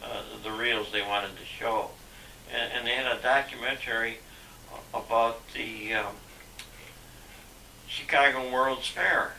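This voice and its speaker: Older man on gravelly old VHS tape. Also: mid-range voice, fairly even intonation, bright, forceful tone. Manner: halting, with many fillers and restarts. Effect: old VHS home video sound. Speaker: father being interviewed. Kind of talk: reminiscing home interview. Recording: echoey, distant, hissy VHS tape.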